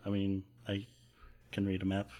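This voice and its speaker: A man's voice: sits low, completely flat delivery, moderate pace, warm tone. A man playing in a tabletop game, hesitant and unsure, sitting a little off the mic. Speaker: player. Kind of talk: casual tabletop play.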